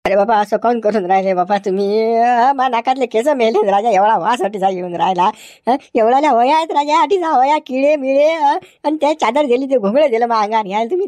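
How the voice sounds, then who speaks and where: A woman's voice: high-pitched, mellow, dry recording, close to an everyday voice. A woman with a Varhadi Marathi accent playing a jailed villager who whines, pleads and grumbles in a village comedy sketch. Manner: whiny complaining pleas with repeated "हं?".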